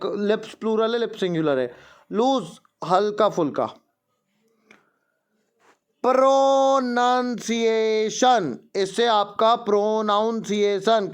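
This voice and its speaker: A man with an Indian accent teaching a primary-school English lesson, switching between Hindi and English, drilling words slowly and explaining them quickly. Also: high voice, clear, resonant tone. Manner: promotional asides to paying students. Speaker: English tutor.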